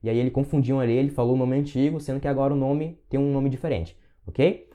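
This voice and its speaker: A man gives a language lesson in a mellow, dark voice. He talks learners through each word patiently and slows down to repeat phrases so they can copy them. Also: mid-range voice, flat delivery. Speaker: Russian teacher.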